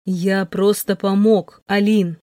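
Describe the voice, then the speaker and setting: A composed young man speaks flatly and wearily, with no emotion in his voice, as a woman puts him on. The sound is close and dry. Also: mid-range voice, unhurried, no room sound, lightly acted. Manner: level, unemotional.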